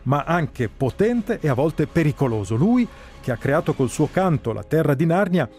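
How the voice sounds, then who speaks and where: A man giving a clear, deliberate scripted introduction as a radio presenter. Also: a little high, sing-song, a little mellow, soft background music. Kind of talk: scripted narration.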